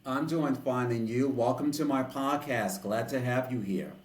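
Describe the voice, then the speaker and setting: A man from New York hosting an interview podcast, speaking in a formal, deliberate way. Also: medium pitch, reverberant, low-quality recording. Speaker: podcast host and DJ.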